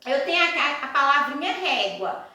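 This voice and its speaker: A woman's voice: high-pitched, big pitch swings, normal speed, bright, forceful tone. A woman teaching a primary school class, patiently repeating herself and putting rhetorical questions to her pupils. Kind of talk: recorded online class. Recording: very echoey room.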